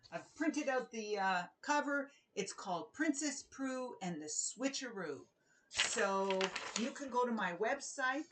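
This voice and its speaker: Here a woman at medium pitch shares a picture book with kids, reading aloud with deliberate pacing and plenty of expression.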